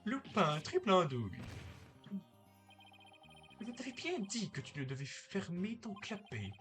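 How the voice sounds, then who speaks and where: A woman's voice: medium pitch, sing-song, unhurried, fairly bright tone, faint music behind, pitched above the performer's own voice. A woman voicing a haughty, pompous man who scolds his servant, reading game dialogue aloud. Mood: scolding. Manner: sneering, condescending.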